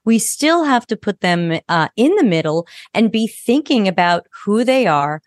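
A woman's voice: mid-range voice, very animated, measured pace, no echo, studio quality. A woman speaking as a guest expert in a podcast interview, frank and a little sarcastic.

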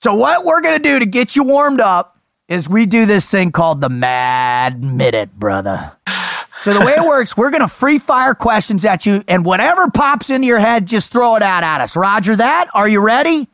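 An American man hosting a show, telling stories in an animated, slangy, bro-ish way. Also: very high-pitched, brisk, gravelly, dry recording. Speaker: host of an interview show. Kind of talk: casual chat and storytelling.

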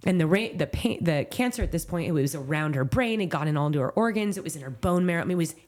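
A woman in her thirties, a Southern California pro trail runner, talks fast and expressively in a low, slightly mellow voice. On a podcast interview she candidly tells a heartfelt story, filling it with "like" and "you know."

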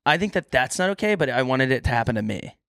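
A man in a close, dry recording talks casually as a podcast co-host. His th sounds come out as f. He jokes at his own expense, in a mid-pitched voice. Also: sing-song, quick pace, gravelly, fairly bright tone, no room sound. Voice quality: says th sounds as f. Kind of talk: casual comedic chat.

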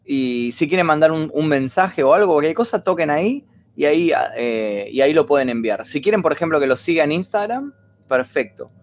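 Argentine guy livestreaming, rambly and chatty, bit high voice, reads out viewer stories. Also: expressive, brisk. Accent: Argentine Spanish. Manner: chatty, rambling, effusively thanks donors; reads viewer messages aloud. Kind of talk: casual livestream chat.

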